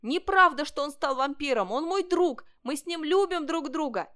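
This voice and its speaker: A woman's voice: sits high, expressive, moderate pace, voice pushed up. A woman voicing a brave little boy in a storybook reading, speaking earnestly and defiantly. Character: brave little boy searching for his kitten.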